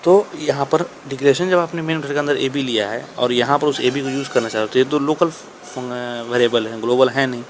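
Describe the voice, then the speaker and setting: A man's voice: medium pitch, steady tone, a little fast, hardly any pauses, slight background noise. A man teaching programming in a casual, conversational way, often asking and answering his own questions. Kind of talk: casual explanatory lecture.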